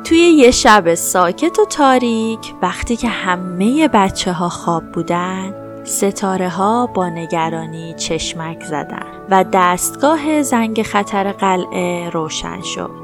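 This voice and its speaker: A woman narrates a bedtime story for children in a gentle, storytelling manner. Her voice sits in a middle range, and soft music plays faintly behind her. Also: medium pitch.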